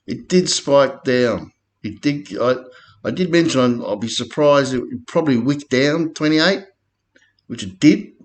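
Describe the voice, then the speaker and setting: A man with an Australian accent talks through trading charts in a loose, rambling way, full of slang and fillers. He takes his time, drawling his words out slowly at a mid-range pitch. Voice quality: laid-back, slangy, rambling. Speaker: crypto chart commentator. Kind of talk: casual chart commentary.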